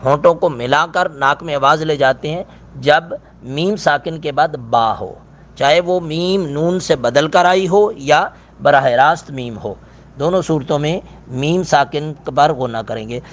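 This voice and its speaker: A middle-aged male teacher giving a recitation lesson in a fairly high voice. He explains each pronunciation rule in a plain, steady way, then chants the verse slowly and draws out the sounds.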